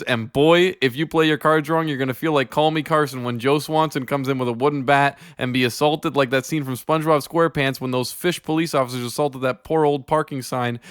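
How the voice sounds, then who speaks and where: A man hosting a video, reading patron shout-outs in a joking way. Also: fairly high pitch, clear, resonant tone, no room sound, clean studio sound. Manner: joking, laughs between reads. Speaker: YouTube host.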